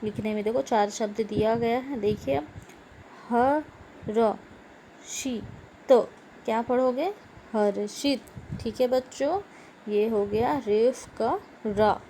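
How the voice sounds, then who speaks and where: Slow, patient woman teaching grammar. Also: a little high, warm tone, a little hiss or hum. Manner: slow, repeats words and asks the class questions. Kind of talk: grammar lesson for schoolchildren.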